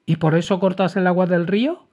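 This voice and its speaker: A man's voice: high-pitched, steady tone, brisk, darkish tone, pitched above the performer's own voice. A man voicing a small, chirpy male bird who speaks in an eager, helpful way. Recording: dull lo-fi recording.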